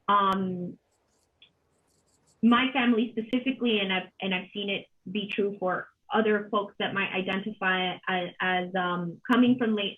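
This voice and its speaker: The audio is tinny, dull and band-limited, coming through a computer mic on a video call from a home kitchen. A Colombian woman with a mid-range voice, an arts organization director serving as panel moderator, makes reflective, unscripted remarks. She is halting and thoughtful, with many pauses and repeated words.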